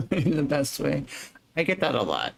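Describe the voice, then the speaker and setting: Soft-spoken male streamer with a raised voice and gravelly edge, unhurried, chatting to viewers as he builds. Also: on the high side, huge pitch swings, a little hiss or hum, poor audio. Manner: talks through building steps to viewers. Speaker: livestream host. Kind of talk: relaxed gaming livestream chat.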